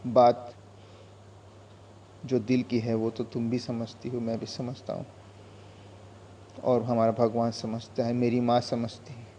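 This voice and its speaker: A man's voice: mid-range voice, completely flat delivery, a little slow, long pauses, dark tone, a little hiss or hum, lightly acted. A man voicing a lonely, devout Bengali man with a Bengali accent, speaking earnestly and pleadingly.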